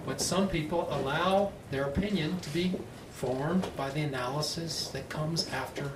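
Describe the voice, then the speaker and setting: A man with an American accent speaking slowly and clearly as he moderates a public panel discussion. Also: on the high side. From United States. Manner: slow, clearly enunciated, deliberate delivery. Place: conference panel room, indoors. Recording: echoey, noisy room, distant mic.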